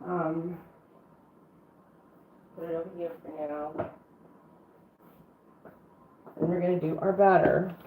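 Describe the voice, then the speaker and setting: A roomy, phone-like recording carries a middle-aged woman's slightly low voice. She sounds rough and under the weather, clearing her throat as she chats casually through a live cooking stream in her kitchen. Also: little pitch movement, slow pace, long pauses. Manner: folksy, chatty, addresses viewers by name. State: sick for two weeks, throat-clearing. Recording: roomy, band-limited phone-like stream, faint noise.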